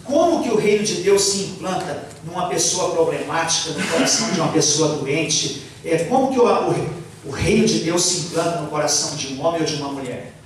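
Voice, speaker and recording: A man interpreting a sermon phrase by phrase, with halting restarts and fillers, on a handheld mic in a church hall. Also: a little high, animated, a little hiss or hum. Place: large church hall, indoors. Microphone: handheld mic, filmed by far camera. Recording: echoey hall from far off.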